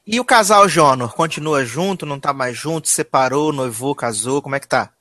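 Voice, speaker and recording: A man's voice: on the high side, fairly quick, bright, forceful tone, no room sound. A Brazilian man hosting a casual chat about TV series in a campy, gossipy way with dramatic slangy exclamations. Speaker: podcast host.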